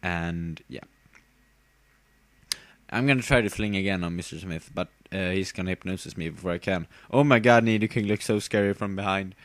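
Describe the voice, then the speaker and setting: Young man, low-pitched, tired, giggly, rambling game commentary, dry close sound. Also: moderate pace, dry recording. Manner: rambling, giggly, trails off with fillers. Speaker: gamer narrating his battle.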